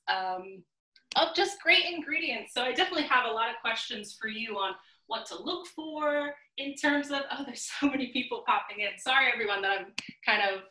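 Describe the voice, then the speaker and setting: A woman's voice: medium pitch, pushed and bright, roomy sound. A woman hosting a live online cooking class on a video call, chatty and upbeat with lots of fillers. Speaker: host.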